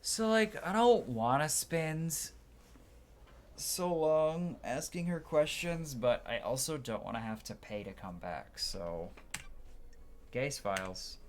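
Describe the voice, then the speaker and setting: Speaking slowly, a man with a medium-pitched, lively voice narrates his gameplay and reads the in-game dialogue dramatically. He stumbles occasionally and begins lines again.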